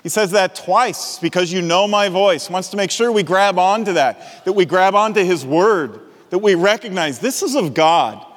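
This sermon comes from a middle-aged male pastor whose voice is high-pitched, moving at normal speed with few pauses. He tells a personal story animatedly, chuckling often, and the hall around him is reverberant.

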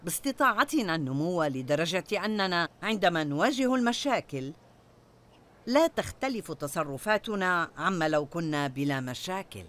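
An older woman delivers a sermon to a congregation. Her pitch swings widely and animatedly, and she keeps turning to her listeners with rhetorical questions. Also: animated, normal speed, fairly bright tone. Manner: asks the audience rhetorical questions. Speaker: preacher.

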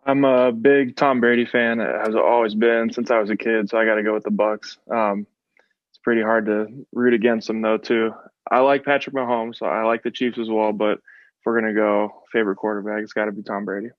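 Man, 20s, from the West Coast, coach, measured, flat delivery, lo-fi sound. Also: fairly low pitch, no echo. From West Coast of the United States. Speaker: football coach. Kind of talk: interview answers. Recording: slightly dull, lo-fi sound.

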